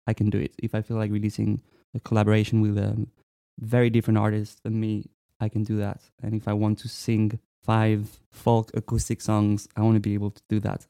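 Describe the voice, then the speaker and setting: A man in his twenties from France, a musician talking casually in an interview, relaxed and hesitant with many fillers. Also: on the low side, creaky, no echo, studio quality. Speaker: musician guest.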